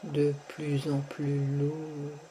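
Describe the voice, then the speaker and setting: A woman with a low voice guides a relaxation session at a very slow, unhurried pace. Her words come soft and stretched, with long pauses between phrases. A steady background noise sits under the recording. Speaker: sophrology guide.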